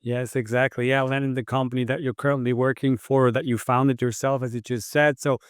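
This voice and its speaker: A man hosting an interview podcast, chatting casually and loosely, with halting restarts while he asks questions. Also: medium pitch, little pitch movement, clean tone, no room sound, studio quality. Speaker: podcast host.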